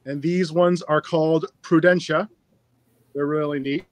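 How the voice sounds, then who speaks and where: Upbeat, slightly high-voiced man. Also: fairly even intonation, unhurried, rough recording. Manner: upbeat, chatty. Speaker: livestream giveaway host. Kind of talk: casual live stream chat. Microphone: phone.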